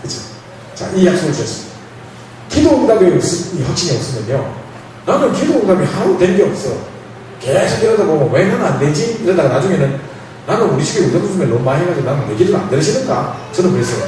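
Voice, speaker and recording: A fast-talking man preaches a storytelling sermon. His voice is bright, and it swings up and down as he acts out the voices in his story. He is heard from across a church hall, with heavy echo and faint room noise. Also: fairly high pitch. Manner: animated, playful, acts out dialogue with laughs. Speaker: pastor. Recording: echoey hall, mic from far off.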